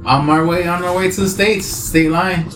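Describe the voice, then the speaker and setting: A man's voice: high voice, fairly even intonation, normal speed. A man from Oaxaca, Mexico, a guest chef, telling his story in a laid-back way, full of "you know.". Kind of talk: casual interview chat. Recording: echoey room, clear background noise.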